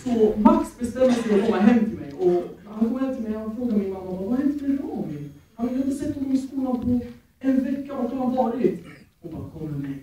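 A young man telling animated stand-up stories and acting out the people in them. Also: extremely high pitch. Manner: animated, acting out quoted people in many voices. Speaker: stand-up comedian. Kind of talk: stand-up storytelling. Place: stage before a live audience. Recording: echoey room from far off, audience laughing.

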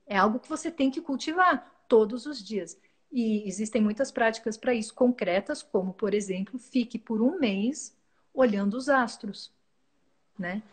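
A woman speaks as a guest in an earnest, reflective way. Her voice sits a little high, and she often breaks off and restarts words mid-phrase. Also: normal speed, slightly rough. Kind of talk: reflective spiritual talk.

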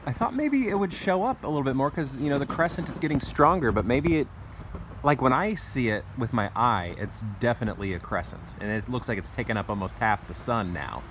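A man's voice: mid-range voice, expressive, a little fast. A man in his forties vlogging casually on a phone in a backyard, musing tentatively and often trailing off mid-thought. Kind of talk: casual vlog narration of watching the sky. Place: outdoors in a residential backyard. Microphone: phone held at arm's length. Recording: clear outdoor ambient noise.

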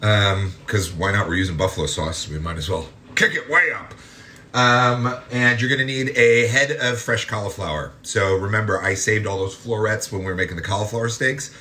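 A man's voice: fairly low pitch, normal speed, bright, forceful tone, a little hiss or hum. A man hosting a casual cooking demonstration from his home kitchen, chatty and campy, cracking self-mocking jokes as he works. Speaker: home cooking show host.

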